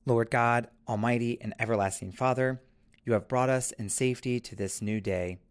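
A man officiating a church service, reading scripture and reciting prayers in a measured, formal way. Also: mid-range voice, clean tone.

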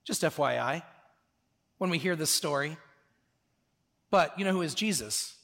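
A high-pitched male pastor delivering a sermon in a church, his voice ringing through a long hall reverb. He preaches earnestly, dropping to soft, slow phrases and then rising to loud, pressing emphasis. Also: lively intonation, vocal fry.

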